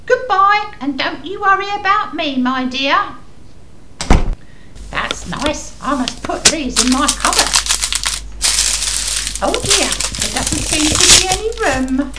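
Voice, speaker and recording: A woman's voice: sits high, animated, slow pace, long pauses, reverberant, heavy background noise. A woman playing a cheerful old woman who is hard of hearing and mishears everything, in a comic radio play. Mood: doddery. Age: older. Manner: mishears everything, sweet and chatty. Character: deaf old woman Mother Hubbard, cheerful and muddled.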